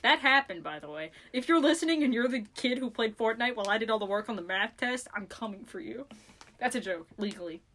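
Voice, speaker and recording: A young woman co-hosting a casual podcast, joking and animated and swearing freely. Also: fairly high pitch, fast talker. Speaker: podcast co-host. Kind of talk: casual chat.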